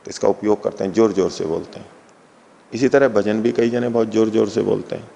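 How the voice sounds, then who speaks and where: A man with a gravelly, creaky voice teaches a classical philosophy text. He takes his time, repeating each term and breaking it down for his listeners. His voice carries a long reverb, as if he is speaking in a large hall. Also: lowish voice, fairly even intonation, a little fast, warm tone, dull audio. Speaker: scripture teacher. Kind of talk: explanatory lecture on a philosophy text.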